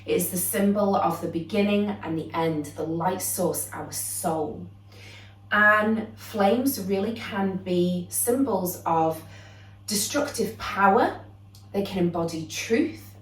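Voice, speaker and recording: A young woman, a yoga teacher calmly explaining the theme of her practice with the odd "um". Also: on the low side, far from the mic. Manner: calm, explanatory, with frequent "um" fillers. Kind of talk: yoga lesson introduction. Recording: roomy echo, voice a bit off-mic.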